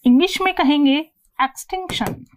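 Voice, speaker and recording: A woman teacher giving a lecture, asking her students questions and repeating the definitions slowly, word by word. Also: high voice, a little hiss or hum. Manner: repeats and asks the class questions; slows down to read definitions word by word. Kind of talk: classroom lecture.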